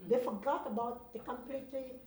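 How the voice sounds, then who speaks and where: A woman's voice: high voice, fairly even intonation, brisk, darkish tone. Older Trinidadian woman in an echoey room. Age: older, over 70. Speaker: panel guest, veteran actress. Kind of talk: reminiscing in a panel discussion.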